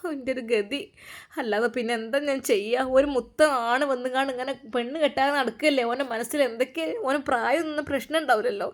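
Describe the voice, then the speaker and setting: A woman voicing a scheming, middle-aged aunt with a Malabar Malayalam accent who weeps and complains in a soft, breathy voice. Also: fast talker, lightly acted. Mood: accusing. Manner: weepy, complaining, breathy low level.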